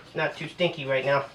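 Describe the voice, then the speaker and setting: A man's voice: a little high, gravelly. Brief: man's offhand workshop chatter, heard from across the room through heavily hissing old camcorder sound. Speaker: home woodworker filming himself. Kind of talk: casual chat while working. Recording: noisy old camcorder audio, distant mic.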